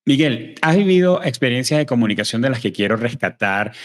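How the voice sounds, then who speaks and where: A man's voice: mid-range voice, lively intonation, brisk. A man hosting a podcast, posing long, carefully framed interview questions. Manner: long, framing questions with listed details.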